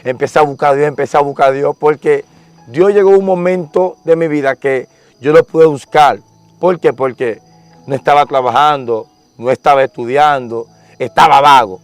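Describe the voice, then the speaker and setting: Young man, slightly high voice, earnest repetitive testimony, casual storytelling. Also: normal speed, no echo, faint music behind. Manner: repetitive, earnest, emotional retelling. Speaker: interviewee giving testimony.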